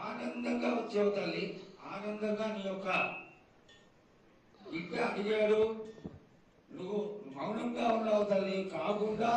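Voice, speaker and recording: A man's voice: high-pitched, a little mellow. Man, reverent ritual petitioner, pleading, deferential, very echoey distant recording, faint ambient noise. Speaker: devotee questioning the oracle.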